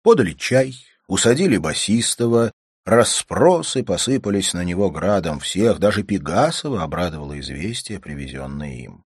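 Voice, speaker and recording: A low-voiced man reading a classic novel aloud, his delivery lively and expressive, rising and falling with the story. The recording is dry and close. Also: normal speed, husky, no room sound. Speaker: audiobook narrator. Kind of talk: audiobook narration.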